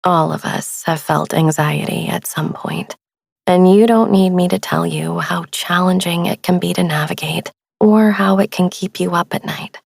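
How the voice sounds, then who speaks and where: Speaking softly and without hurry, a sleep meditation podcast host guides listeners through relaxation. Her breathy, lowish voice carries noticeable creak, and her gentle, soothing delivery moves at a normal speed. She's recorded on a close studio microphone in a very dry space.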